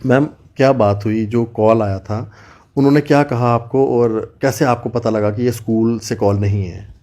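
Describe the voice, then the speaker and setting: A man's voice: mid-range voice, steady tone, moderate pace, dark tone. A man, a news reporter speaking earnestly to viewers from a family's home and interviewing them. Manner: earnest, addresses viewers directly with appeals.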